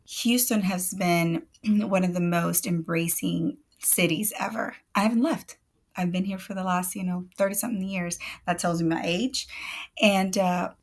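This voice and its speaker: A lowish-voiced woman from El Salvador, whose first language is Spanish, is a guest on a video call livestream. She chats casually, laughs often and keeps restarting her sentences.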